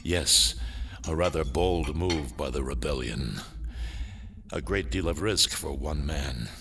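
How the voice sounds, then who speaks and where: A man's voice: a bass voice, slow, gravelly, background noise, full character voice. A man playing a cold, imperious imperial lord in a sci-fi audio drama, formal and condescending in a menacingly polite way. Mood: coolly knowing. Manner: formal, condescending, coolly sardonic.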